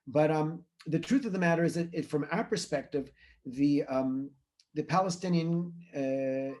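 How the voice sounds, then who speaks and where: With a fairly high, slightly mellow voice, this middle-aged man from Israel is an environmental researcher appearing as a guest. He responds to interview questions in a thoughtful, earnest manner, frequently restarting and using fillers.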